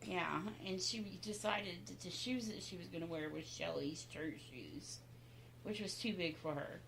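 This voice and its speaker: A woman hosts a casual family podcast. Her voice sits low and gravelly. She tells stories in a rambling way, full of laughing asides. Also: unhurried, fairly bright tone, slight background noise. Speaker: podcast host telling a sibling story.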